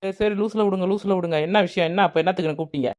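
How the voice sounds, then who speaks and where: A woman's voice: high-pitched, fairly even intonation, quick pace, natural voice. A woman voicing a sulky young daughter-in-law in a cartoon, dismissive toward her elders. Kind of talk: cartoon voice acting.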